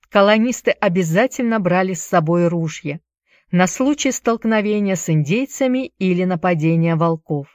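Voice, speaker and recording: A woman narrating a story in a steady storytelling manner. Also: lowish voice, no echo, studio quality. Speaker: audiobook narrator. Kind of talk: scripted narration.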